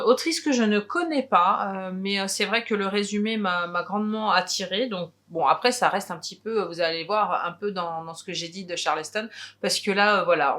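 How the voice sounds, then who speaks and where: A woman co-hosting a book video, talking casually and haltingly about a novel. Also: on the low side, a bit bright. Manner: hesitant, halting with fillers.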